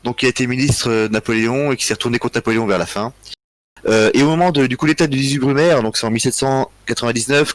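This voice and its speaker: A tired man hosting a live history quiz, reading out chat answers in a relaxed, joking way with frequent chuckles. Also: mid-range voice, no echo. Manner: relaxed, joking, chuckles often, thinks aloud. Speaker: quiz host.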